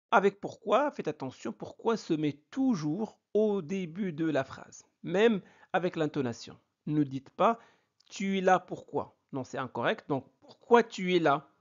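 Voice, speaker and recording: A man teaching a grammar lesson in a slow, deliberate way, repeating each example with exaggerated question intonation. His voice sits fairly high and swings widely, with a gravelly edge. The recording is dull and lo-fi. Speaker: French teacher.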